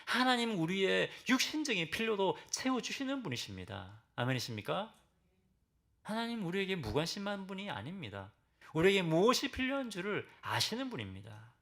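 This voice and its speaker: Animated Korean pastor preaching. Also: male voice. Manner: dramatic, acts out Bible figures' pleas with sudden loud high bursts; asks the congregation direct questions. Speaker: senior pastor. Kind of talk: sermon. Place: church sanctuary.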